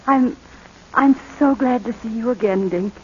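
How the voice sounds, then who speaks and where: In a muffled old 1940s radio drama, a woman plays a tender, anguished mother pleading with her estranged son, her mood tender and hesitant. Her voice sits on the high side, mellow and close to everyday speech, at a measured pace, with a faint hiss or hum on the recording.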